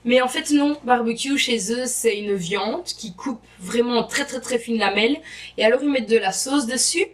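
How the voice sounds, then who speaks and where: A woman's voice: fairly high pitch, moderate pace. A young woman, chatting enthusiastically to camera as an exchange student vlogger. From Belgium. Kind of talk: casual vlog to camera. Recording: voice a bit distant from the mic.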